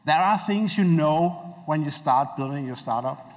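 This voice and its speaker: A man in his forties giving a relaxed, hesitant conference keynote from a large stage, with many filler sounds. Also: fairly high pitch, a little slow. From Denmark. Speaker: keynote speaker. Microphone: headset mic. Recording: long hall reverb.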